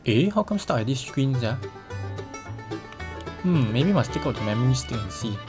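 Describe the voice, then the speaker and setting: Casting: man, twenties, Singaporean accent, lower-pitched to mid voice, exclamatory self-talk for a casual gaming vlog, music behind. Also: big pitch swings, moderate pace. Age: 20s. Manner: exclamatory, talking to himself with colloquial particles. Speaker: vlogger. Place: small bedroom, indoors.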